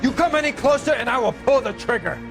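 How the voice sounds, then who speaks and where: A man's voice: very high voice, lively intonation, fast. An actor playing a desperate, defiant 1940s American gunman in a video game, strained and threatening. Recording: loud game music behind.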